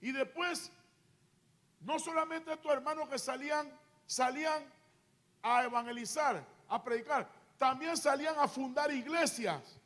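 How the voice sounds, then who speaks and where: A man who is a pastor, preaching a sermon in church with rising, shouted intensity. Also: extremely high pitch, unhurried. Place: church sanctuary.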